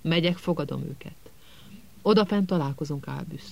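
A man's voice: on the high side, vocal fry, darkish tone. A man doing a fussy, officious minister. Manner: indignant, officious. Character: fussy, self-important male minister.

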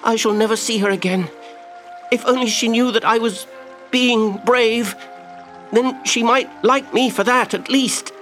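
A man's voice: extremely high pitch, fairly even intonation, measured pace, a bit bright, in a large hall, voice pushed up. A man voicing a brave, lovelorn male toy tin soldier who speaks earnestly and wistfully. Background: background music.

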